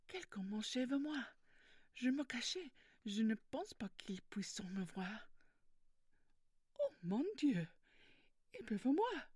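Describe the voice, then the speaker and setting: Woman doing a scared weepy lion for asmr, husky and hesitant, very close dry sound. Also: fairly high pitch, very animated, takes it slowly, pauses often, a little mellow, no echo, full character voice. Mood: frightened. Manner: fearful, plaintive, hesitant. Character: timid, weepy cowardly lion desperate to be brave. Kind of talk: whispered and soft-spoken ASMR roleplay.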